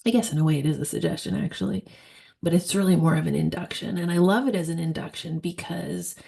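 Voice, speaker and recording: A woman with a fairly low, noticeably creaky voice explains technique informally, like a practitioner teaching. She is thoughtful and emphatic, often pausing partway through a phrase to land a point. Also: warm tone.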